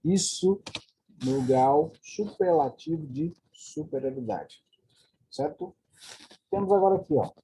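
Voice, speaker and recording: A Brazilian man teaches English grammar in a very dark, mellow voice, going over each point more than once and checking in with his listeners as he goes. A faint hiss sits under his voice. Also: on the high side, unhurried, long pauses. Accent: Brazilian Portuguese. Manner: explanatory, repetitive, checks in with "né?" and "ó". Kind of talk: online grammar lesson.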